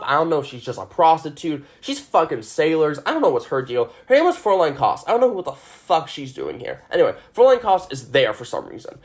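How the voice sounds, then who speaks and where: Rambling, excitable podcast host. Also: male voice, fairly high pitch. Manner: rambling, excitable, swears a lot; many fillers and restarts. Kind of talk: casual chat.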